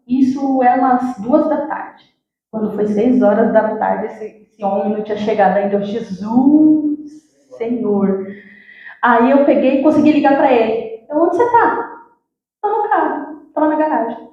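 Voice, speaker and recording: A high-voiced woman with a Brazilian accent gives a sermon with a personal testimony, telling her story in a lively way and speaking straight to the congregation. Her voice rings through a very echoey church hall, and the recording sounds dull and lo-fi. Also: moderate pace. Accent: Brazilian Portuguese. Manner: lively storytelling, acts out dialogue, addresses the congregation. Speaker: church worker preaching.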